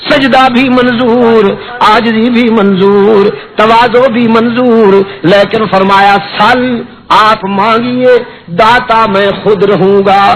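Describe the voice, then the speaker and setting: High-pitched impassioned male preacher. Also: a bit bright, rough recording. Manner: impassioned, draws out Arabic verses in chant; climbs into high, fervent cries. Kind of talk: sermon. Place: before a live audience.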